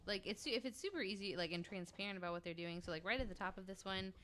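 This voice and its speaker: A woman with a medium-pitched voice talks quickly on a very noisy recording. She's a podcast panelist chatting casually and bluntly, sometimes reading information from web pages aloud.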